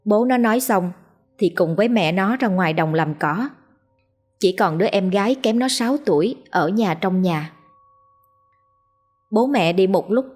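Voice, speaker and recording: A woman storyteller narrates a ghost story in a steady, dramatic reading voice. Her tone is slightly husky and her pitch sits in a middle range. Soft music plays faintly underneath.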